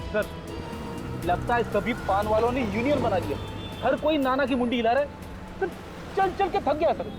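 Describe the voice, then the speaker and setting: An actor playing an excitable, grumbling junior policeman for comic effect in a TV crime drama. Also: very high voice, fairly quick. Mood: whiny, weary. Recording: music behind the voice.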